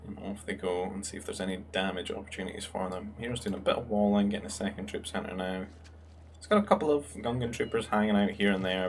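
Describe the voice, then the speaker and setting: A young man casts a strategy game match in a relaxed, musing voice that sits fairly low. He thinks aloud as he goes, with plenty of fillers. A faint hiss runs under the home recording. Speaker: game caster. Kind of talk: casual esports commentary.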